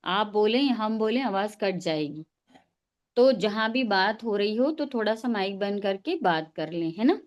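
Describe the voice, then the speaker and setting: A woman's voice: medium pitch, lively intonation, highs cut off. A woman teaching pronunciation in an online class over a video call, patiently modelling each sound for her students to repeat. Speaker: tajweed teacher.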